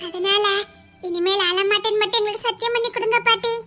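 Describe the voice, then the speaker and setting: A woman's voice: extremely high pitch, steady tone, fast talker, bright, forceful tone, faint music behind. A woman playing a devoted young granddaughter who speaks with a Tirunelveli Tamil accent, pleading and adoring in a comedy skit.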